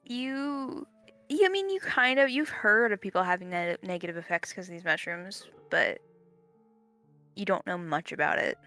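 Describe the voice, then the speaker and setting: A woman narrating as game master in a tabletop game, hesitant and quick to laugh, often restarting her sentences. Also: medium pitch, expressive, pushed and bright, faint music behind.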